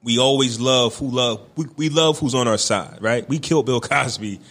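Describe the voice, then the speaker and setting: A man's voice: mid-range voice, normal speed, a bit bright. A young man with a mid-range voice co-hosts a casual podcast chat. He argues his points in an opinionated way and keeps checking in with "right?" and "you understand what I'm saying?". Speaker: podcast co-host.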